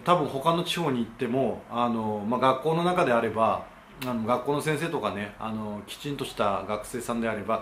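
Speaking to camera on his own channel, a man gives a casual explanation, polite in tone and peppered with hesitation fillers. His voice sits at medium pitch and sounds fairly bright. Slight background noise and faint ambience come through in the echoey room.

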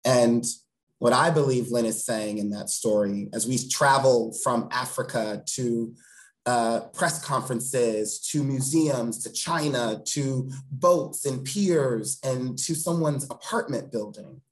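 This man's mid-range voice moves slowly through thoughtful interview talk. A theatre director in his thirties, he's a guest on a home video call, speaking with earnest eloquence and repeating phrases for emphasis; the recording is low quality.

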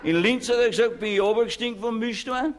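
A man's voice: very high voice, fast talker, a faint crowd. A man with an Upper Austrian accent telling dialect jokes on a comedy record, rambling with stumbling restarts and chuckling at his own punchlines.

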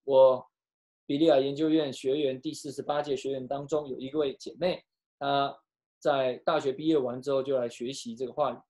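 A pastor preaching and telling a story, switching between hushed and loud delivery, with some halting restarts. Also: medium pitch, steady tone. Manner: emotional, with sharp swings from hushed to loud. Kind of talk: storytelling sermon.

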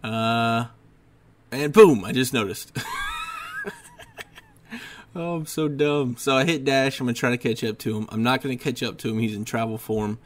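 A tired, yawning man giving a casual, rambling voiceover over his gameplay, often putting himself down and filling pauses with ums. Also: medium pitch. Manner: rambling, self-deprecating, with many ums. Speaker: gaming YouTuber. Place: at a desk at home.

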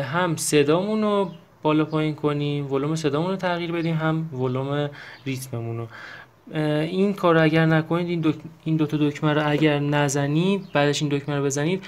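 Man explaining a keyboard, slightly high voice. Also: slight background noise. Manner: explains while pressing buttons, with many fillers and self-corrections. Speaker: keyboard teacher. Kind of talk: casual step-by-step tutorial.

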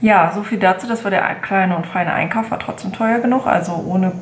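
A woman's voice: lowish voice, reverberant, a little hiss or hum. A woman in her late twenties chatting casually in a haul vlog, rambling with many fillers and self-corrections. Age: 20s. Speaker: beauty vlogger. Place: bedroom at home, indoors.

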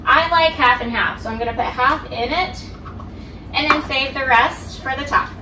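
A woman's voice: sits high, normal speed, far from the mic. Woman teaching cooking in an echoey kitchen. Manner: clear, instructive, addresses viewer directly. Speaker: cooking instructor. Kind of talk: step-by-step cooking demonstration. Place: home kitchen, indoors. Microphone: camera across the kitchen. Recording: echoey kitchen, voice from off-mic, household noise.

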